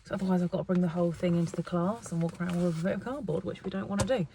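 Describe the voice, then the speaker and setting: A woman's voice: on the low side, rapid-fire, dark tone, slight background noise. A woman in her twenties chatting casually to camera for her vlog, rambling and correcting herself as she goes. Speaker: vlogger. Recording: dull lo-fi phone audio.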